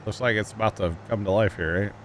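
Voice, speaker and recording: Talking a little fast in a lowish voice, a mid-thirties man from Missouri streams a farming game and chats casually with slight background noise behind him. He teases friends, jokes, and leans on lots of fillers.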